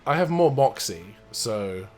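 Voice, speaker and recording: A man chats casually while playing a video game, his voice sitting at an ordinary middle pitch. He jokes around and laughs easily. Faint game music plays underneath. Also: animated, measured pace, darkish tone. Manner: joking, playful, laughs often. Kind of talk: casual gameplay chat.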